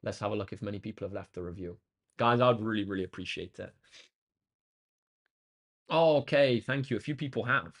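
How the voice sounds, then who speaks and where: His pitch fairly low and his pace brisk with long pauses, this maths tutor live streamer chats casually with his audience. He sounds slightly croaky and tired while addressing viewers directly and thanking them.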